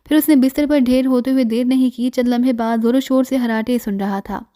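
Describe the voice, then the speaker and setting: A woman narrating a spy story audiobook, reading all the characters in one steady voice. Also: a little high, brisk, dry recording, studio quality.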